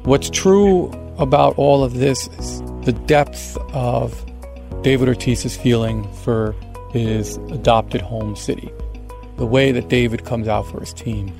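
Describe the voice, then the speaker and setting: Gravelly man speaking thoughtfully. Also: mid-range voice. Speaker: interviewee. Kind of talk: reflective interview.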